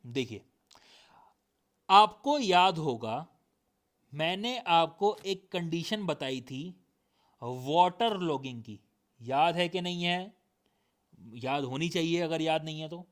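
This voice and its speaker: A man giving a recorded lecture with a sore throat, checking with students through repeated questions and reading definitions aloud slowly. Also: fairly high pitch, lively intonation, fairly bright tone. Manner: drills points with repeated questions. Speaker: teacher.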